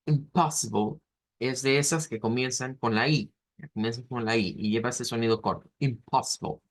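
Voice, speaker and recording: A male teacher explaining pronunciation in a class, saying each word several times and breaking it into syllables. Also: medium pitch. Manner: repeats words slowly, splitting them into syllables.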